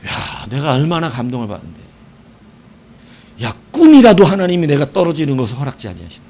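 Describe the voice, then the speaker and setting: Middle-aged male pastor, sermon delivery, highish voice with big lively swings, shouted exclamations. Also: brisk. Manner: animated storytelling, shouting exclamations, asks the congregation questions. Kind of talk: evening sermon.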